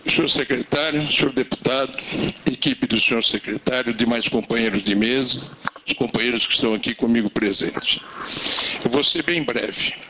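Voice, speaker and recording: A man's voice: medium pitch, noisy background. A man representing private school owners, giving a formal, emphatic speech at a public hearing. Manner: emphatic, formal rhetorical speaking.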